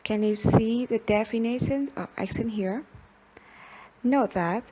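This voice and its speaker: A young woman whose first language is Vietnamese gives a class presentation at an unhurried pace. Her voice is mellow and soft-edged, and she leaves small pauses between listed words. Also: fairly high pitch, a little hiss or hum. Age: young adult. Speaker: student presenter.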